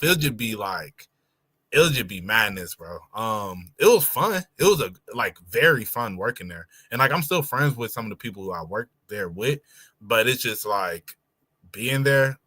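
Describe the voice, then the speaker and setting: A podcast co-host chatting loosely, telling a long work story with lots of fillers. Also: male voice, lowish voice, pushed and bright, no echo. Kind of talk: casual chat.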